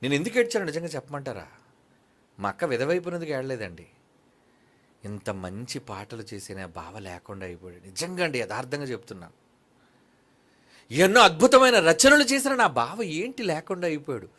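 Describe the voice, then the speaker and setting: A male preacher giving an impassioned sermon, swinging between hushed and loud and asking the congregation many rhetorical questions. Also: fairly high pitch, sing-song, a little fast, pauses often.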